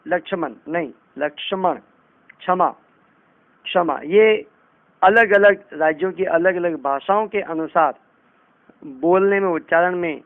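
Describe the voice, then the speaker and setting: A man teaching a lesson at a very slow, deliberate pace. His voice sits a little high, and he spells out each sound with care. The recording is thin and tinny, like a phone line. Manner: carefully pronounces each sound, contrasting wrong and right forms.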